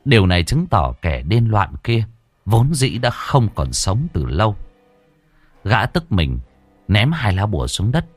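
Nam kể truyện ma, giọng trầm, lên xuống sinh động. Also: male voice, fairly low pitch, unhurried, no room sound. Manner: dramatic, lively storytelling. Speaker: storyteller. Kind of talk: scripted horror narration.

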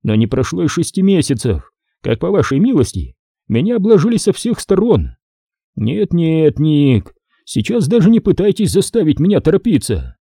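A man's voice: a little high, very animated, normal speed, warm tone, breathy edge, dry recording, studio quality, pitched above the performer's own voice, full character voice. A man reading an audiobook voices a depraved, scheming middle-aged major who speaks with cold irony and condescension. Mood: mocking. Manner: ironic, condescending.

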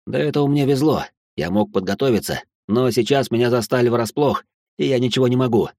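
A man's voice: mid-range voice, fairly quick, mellow, no room sound, clean studio sound. A man narrating a tense, action-filled story in the first person.

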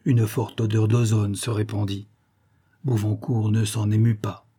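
A male audiobook narrator reads a classic novel in a measured, literary manner. His voice is mellow and warm, with a husky grain throughout. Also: fairly low pitch, little pitch movement.

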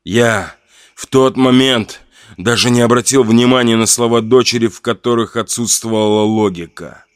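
A man's voice: medium pitch, moderate pace, smooth, no room sound, clean studio sound. Man narrating a horror audiobook. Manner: somber, tense storytelling. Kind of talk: dramatic first-person audiobook narration.

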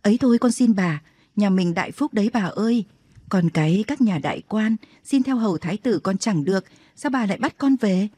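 A woman's voice: medium pitch, expressive, a little fast, warm tone, slightly rough, dry recording. A woman reading an audiobook, voicing an earnest young male servant who pleads with and reassures his grandmother. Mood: pleading.

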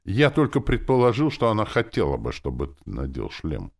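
A man voicing a calm, blunt young male squire in an audiobook, with a flat, unruffled delivery. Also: lowish voice, normal speed, pitched above the performer's own voice, full character voice. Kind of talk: audiobook character voice.

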